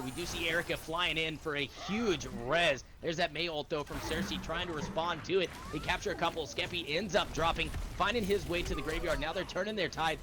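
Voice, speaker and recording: Male esports caster, energetic play-by-play, higher voice, noisy line. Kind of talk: play-by-play commentary.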